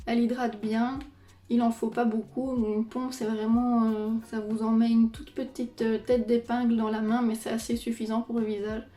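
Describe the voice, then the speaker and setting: A woman's voice: fairly high pitch, dark tone. Chatty woman reviewing skincare, echoey room. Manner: chatty, many fillers and "donc". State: pregnant. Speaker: beauty vlogger. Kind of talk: casual product review.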